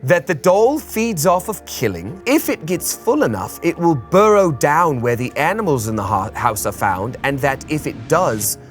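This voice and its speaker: A man's voice: a little high, moderate pace, few pauses, soft background music. A man hosting a board game, reading out the rules and story cards to the players in a theatrical way. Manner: theatrical, lively rule-reading.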